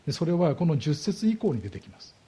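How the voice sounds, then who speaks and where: A man's voice: fairly high pitch, very animated, dark tone, breathy edge. A man preaching a sermon as a pastor, explaining scripture and asking his congregation rhetorical questions. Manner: slows down heavily on key words.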